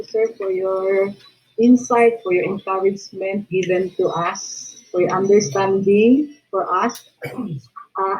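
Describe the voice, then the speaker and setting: A woman, a teacher thanking her instructor politely and formally on a video call. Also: medium pitch. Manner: polite and formal, many "sir". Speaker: teacher in an online course. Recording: dull lo-fi video call audio.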